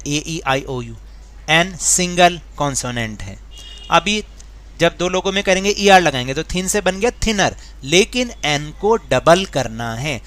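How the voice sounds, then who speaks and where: A man's voice: a little high, a bit bright. A man teaching an English grammar worksheet in Hindi, patiently repeating rules, spelling words letter by letter and asking the class questions. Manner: mixes Hindi with slowly read English sentences; asks the class rhetorical questions.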